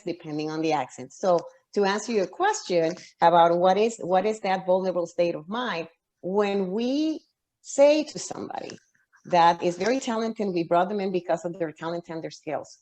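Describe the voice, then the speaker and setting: A woman's voice: fairly low pitch, a little mellow. A woman author, a guest on an interview show, giving long reflective answers full of restarts and fillers.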